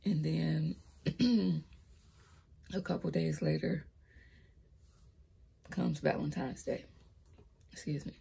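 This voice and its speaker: Slow and steady in tone, with long pauses, a young vlogger relates her life story through a laptop's built-in mic. She has a low, raspy voice that cracks when raised, and she speaks hesitantly, tripping over words and whispering soft asides.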